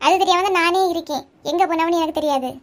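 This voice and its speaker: A sulky, snappish college girl in a cartoon comedy, as a woman voices her, with a Kanyakumari Tamil accent. She grumbles and snaps sarcastically in a high voice. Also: quick pace, a bit bright. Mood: grumbling. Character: grumpy college girl bickering with her sister.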